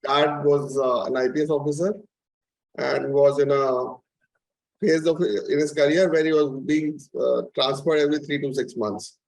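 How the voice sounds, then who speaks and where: A man's voice: medium pitch, steady tone, normal speed, vocal fry, darkish tone, poor audio. A man from Delhi with an Indian English accent, a guest speaking modestly in a casual interview. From born in Delhi, raised all over India. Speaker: guest, community founder.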